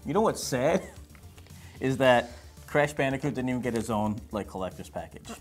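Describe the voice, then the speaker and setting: A man's voice: mid-range voice, lively intonation, moderate pace, faint music behind. A man hosting a casual unboxing chat with his wife, joking and rambling with self-deprecating humor. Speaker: host.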